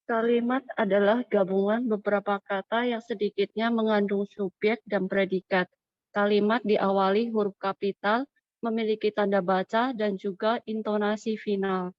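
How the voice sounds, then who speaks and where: A woman reading a definition aloud for the class in a steady, even way. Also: mid-range voice, normal speed, dry recording, highs cut off.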